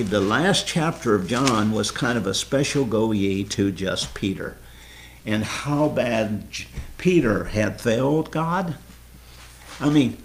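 A man's voice: mid-range voice, gravelly, slight background noise. A man leading an informal Bible study, earnestly explaining scripture and quizzing his group.

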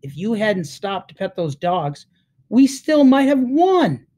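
A woman's voice: medium pitch, big pitch swings, takes it slowly, warm tone, voice pushed up. A woman reading aloud, voicing an exasperated, gloomy schoolboy. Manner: frustrated, sighing.

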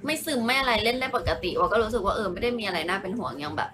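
A woman's voice: mid-range voice, lively intonation, rapid-fire. Giggly young woman chatting on a live stream. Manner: giggly, chatty, answers comments as she reads them. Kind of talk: casual live-stream chat with viewers. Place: at home.

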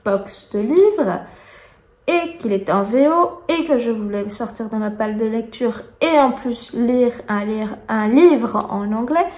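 A woman's voice: fairly high pitch, lively intonation, unhurried, darkish tone. Belgian woman, thirties, book vlog, frank, chatty, lots of fillers, roomy echo. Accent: Belgian French. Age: 30s. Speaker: book vlogger. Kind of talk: casual book review monologue. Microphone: phone camera.

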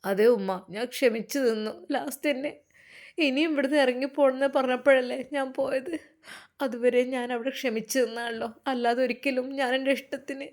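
A woman's voice: high-pitched, steady tone, fairly quick, voice pushed up. A woman with a Malappuram Malayalam accent voicing a humble young bride who speaks in a tearful, pleading way.

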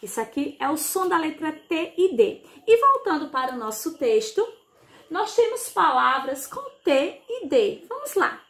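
A Brazilian woman teaching young children over a televised lesson, talking slowly and kindly, with lots of diminutives and check-in questions. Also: high voice, very animated, a bit bright. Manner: slow, sing-song teacher talk with diminutives. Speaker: primary school teacher. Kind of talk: televised remote class for children.

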